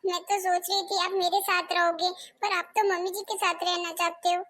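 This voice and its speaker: A performer voicing a high, pleading young wife. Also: little pitch movement, normal speed, bright, forceful tone. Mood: complaining. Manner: pleading, defensive. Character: young daughter-in-law wife. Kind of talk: comedy cartoon dub.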